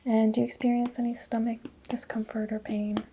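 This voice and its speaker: A woman whispering softly and calmly as a doctor in an ASMR roleplay exam, giving gentle clinical instructions close to the mic. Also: on the high side, brisk, slight background noise. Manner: soft, calm, clinical bedside whisper.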